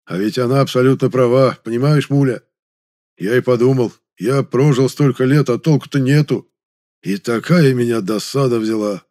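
A man doing a hoarse, gloomy old soldier. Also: mid-range voice, moderate pace, warm tone, close to an everyday voice. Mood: despondent. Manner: mumbling, sighing, downcast. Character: worn-out middle-aged war veteran man, gloomy.

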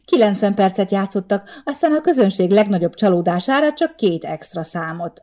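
A woman narrating a short story in an expressive, steady storytelling manner. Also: on the low side. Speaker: audiobook narrator. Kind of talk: scripted narration.

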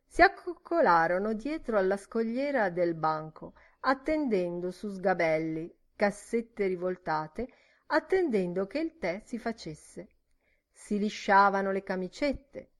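Slow, rhythmic woman narrator. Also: mid-range voice. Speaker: audiobook narrator. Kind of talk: literary audiobook narration.

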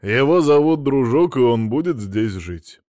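A man playing a gruff, hot-tempered husband. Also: medium pitch, lively intonation, a little slow, no echo, clean studio sound, natural voice. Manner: blunt, gruff, loud.

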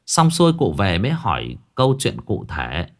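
A man, narrating a ghost story in a dramatic, expressive manner. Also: on the low side, moderate pace.

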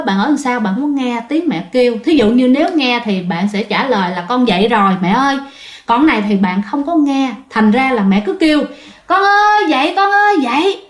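A woman with a Southern Vietnamese accent tells a ghost story in a loose, conversational way, pausing to speak straight to her listeners. Her voice sits a little high. The recording has a noticeable roomy echo. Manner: chatty, often addresses listeners directly. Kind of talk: casual spoken storytelling.

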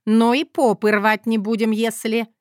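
A woman playing a bossy, sharp-tongued old mother. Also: on the high side, flat delivery, a little slow, no echo, clean studio sound, voice pushed up, close to an everyday voice. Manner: brusque, commanding, scolding.

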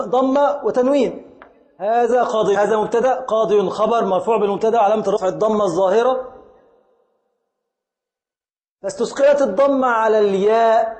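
A man with an Egyptian accent teaching grammar in a lecture, deliberate, repeating his points and quizzing the students. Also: high voice, darkish tone. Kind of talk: classroom lecture. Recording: echoey hall reverb.

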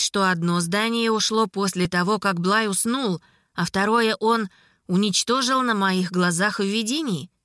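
A woman reading first-person scripted narration for an audiobook in a wry, measured storytelling manner. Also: mid-range voice, fairly bright tone, dry recording, studio quality.

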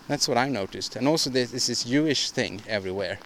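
A man's voice: medium pitch, fairly bright tone, a little hiss or hum. Rambling man on a solo podcast. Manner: halting, rambling, frequent restarts and repeated words; opinionated, ranting delivery. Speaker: podcast host.

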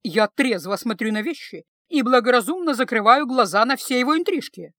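A woman reading the part of a domineering middle-aged mother who scolds her daughter loudly and reproachfully. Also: fairly high pitch, lively intonation, fairly quick, no room sound. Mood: indignant. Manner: loud, lecturing, reproachful.

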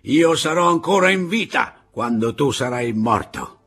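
A man's voice: medium pitch, sing-song, unhurried, husky, voice pushed up, full character voice. A man doing a drunken, sneering Pablo. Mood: mocking. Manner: mocking, taunting, raised and loud. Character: drunken sneering male guerrilla, middle-aged, bitter.

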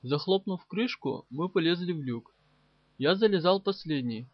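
A man narrating a first-person war novel as an audiobook in brisk, even storytelling. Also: on the high side, no room sound, dull audio.

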